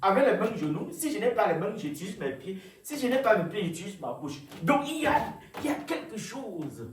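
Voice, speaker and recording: A man preaching a sermon, animated and asking the congregation for responses. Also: high voice, fairly quick, a little hiss or hum. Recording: echoey room, mic far off.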